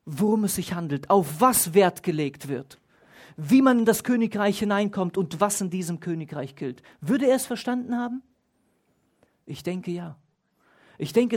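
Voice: mid-range voice, a little mellow. A Bible teacher giving a study talk, reading scripture aloud, explaining it and stressing single words, and putting questions to the listeners.

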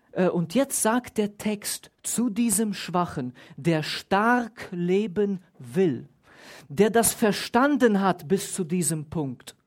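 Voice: medium pitch, a little mellow. A Bible teacher giving a study talk, reading scripture aloud, explaining it and stressing single words, and putting questions to the listeners.

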